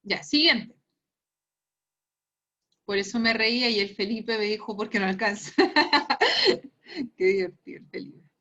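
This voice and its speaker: A woman's voice: medium pitch, lively intonation, measured pace, pauses often, bright, forceful tone, highs cut off. A Chilean woman teaching a science class online, reviewing a quiz with a playful, teasing manner and frequent laughter. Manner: teasing, laughs often, explains patiently.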